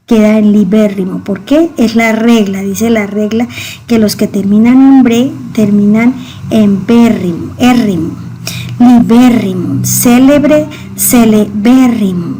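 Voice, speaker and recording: Slow, patient woman teaching grammar. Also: a little high, warm tone, slight background noise. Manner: patient, repeats key words, addresses students directly. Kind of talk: grammar lesson explanation.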